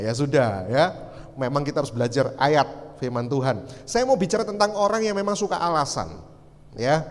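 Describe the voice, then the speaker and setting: A young man preaching a youth sermon, telling a story with lively voiced dialogue and teasing rhetorical questions. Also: mid-range voice. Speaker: youth pastor. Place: church hall. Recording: long hall reverb.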